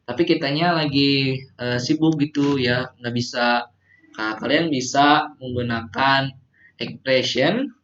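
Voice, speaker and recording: A man with a medium-pitched, fairly bright voice teaches English phrases in a simulated classroom, patiently repeating them so students can drill. The recording is muffled and lo-fi.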